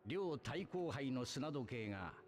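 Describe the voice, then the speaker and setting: A man voicing an adult male game announcer who calls out house points in a measured, formal delivery. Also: mid-range voice, animated, natural voice. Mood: announcing.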